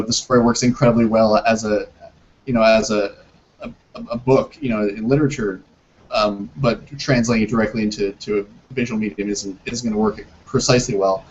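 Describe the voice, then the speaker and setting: A man speaking as a filmmaker in an interview over a video call that sometimes breaks up, hesitating often and restarting his sentences. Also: mid-range voice. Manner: hesitant, many restarts and fillers. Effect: heard over a video call that breaks up. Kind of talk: interview conversation. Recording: muffled lo-fi video call audio.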